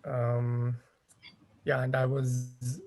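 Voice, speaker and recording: A man's voice: mid-range voice, monotone, very slow, a little mellow. A man from India, raised in Kenya, giving a hesitant self-introduction in a casual online meeting. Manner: hesitant, many fillers. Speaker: PhD student.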